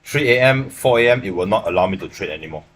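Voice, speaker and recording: Deep-voiced Malaysian man explaining trades live. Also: expressive, fast, a bit bright, a little hiss or hum. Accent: Malaysian English. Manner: casual, explanatory, checks in with "right?" often. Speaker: livestream forex trader. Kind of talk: live trading stream commentary. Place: small room indoors.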